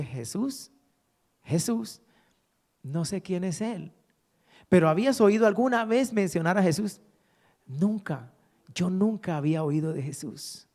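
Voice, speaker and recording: Gravelly emotional pastor preaching. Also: male voice, on the high side, darkish tone. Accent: Colombian Spanish. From Colombia. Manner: emotional storytelling, acts out quoted dialogue. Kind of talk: sermon testimony.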